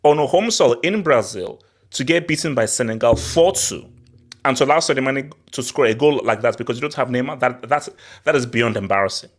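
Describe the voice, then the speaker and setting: A man's voice: medium pitch, animated, a little fast. A man hosting a casual, opinionated football talk, speaking emphatically and repeating phrases for effect. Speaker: host of a football hangout.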